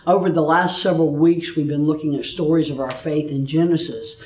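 A pastor delivers his sermon and reads scripture in a measured storytelling manner. His voice sits a little high. The sound echoes around the room, picked up from a distance. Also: fairly even intonation, a little mellow. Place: church.

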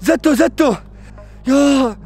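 Over background music, an adventure vlogger with a Levantine Arabic accent speaks slowly in a very high-pitched voice. Narrating his staged vlog, he sounds frantic, urgently calling out and muttering prayers.

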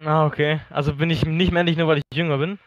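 A man's voice: on the high side, level tone, quick pace, dull audio. A sixteen-year-old male bantering cheekily in a gaming voice chat. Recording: noisy voice chat with clicks.

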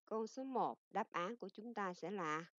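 A woman English teacher with a Vietnamese accent giving a recorded lesson, explaining in Vietnamese and reading English example sentences slowly and carefully. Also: mid-range voice, expressive, fairly bright tone, no room sound. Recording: dull lo-fi dry recording.

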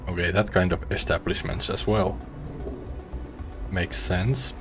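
A young man from Finland casually talking over a game he is playing for the first time, chatty and relaxed with small restarts, on a headset mic at home. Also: sits low, a little slow, creaky, music in the background. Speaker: gaming streamer. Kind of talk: casual let's-play commentary.

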